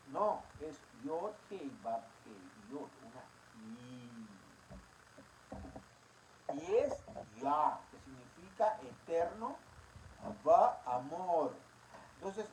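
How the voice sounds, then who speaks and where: Bible teacher, religious teaching, slow delivery, emphatic, repeats words, rhetorical questions, noticeable background noise. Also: mid-range voice.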